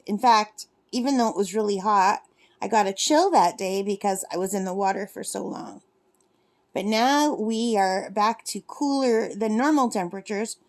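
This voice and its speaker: Speaking in a mid-range, slightly mellow voice, a woman in her fifties vlogs from a lakeside cabin as she works on her crafts. Her chat is casual and wandering, full of self-corrections.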